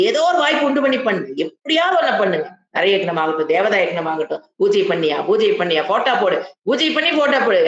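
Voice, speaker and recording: Emphatic woman teaching scripture, echoey. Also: mid-range voice. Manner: emphatic, repeats and questions the class, chants Sanskrit slowly. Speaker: Vedanta teacher. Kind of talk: scripture class lecture. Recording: echoey, dull lo-fi room recording.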